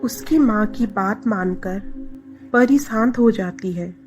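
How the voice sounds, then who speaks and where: A woman narrating a family drama story in a measured, scripted storytelling manner. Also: medium pitch, soft background music.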